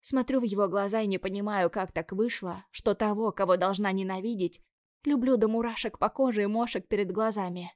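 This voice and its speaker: A woman's voice: medium pitch, brisk, a little mellow, no echo, studio quality. A young woman reading a novel in first person, wry and self-mocking. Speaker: audiobook narrator.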